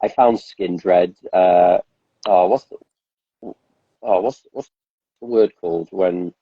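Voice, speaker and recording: A man with a deep, husky voice chats casually as a podcast host, rambling through lots of fillers and restarts. The sound is dull and lo-fi, recorded dry and close. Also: steady tone, slow, dry recording. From Wales. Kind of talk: casual chat.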